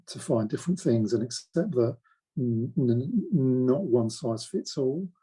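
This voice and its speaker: This interviewee, a man in his forties, has a mellow, husky, mid-range voice, captured on poor audio. Reflecting on his own life, he speaks hesitantly and keeps starting over, his stammer showing in repeated words and blocked sounds.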